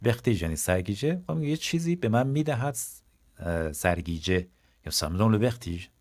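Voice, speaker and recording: A Persian-speaking man with a somewhat low voice runs a language lesson. He lays out each sentence slowly and deliberately, then slips into quick, casual asides as he explains it. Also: animated, a little mellow. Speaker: French teacher.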